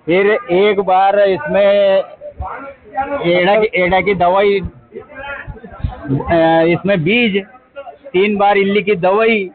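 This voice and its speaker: A man's voice: sits high, flat delivery, slow pace, pauses often. A farmer man answering a reporter's questions at a market, plainly listing his costs. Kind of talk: street interview. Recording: phone-like narrow sound.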